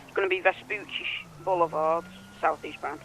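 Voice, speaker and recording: In a role-play, a man plays a police officer radioing in, his high-pitched voice flat and his delivery procedural and halting. Faint siren and vehicle noise sit behind him on the rough recording.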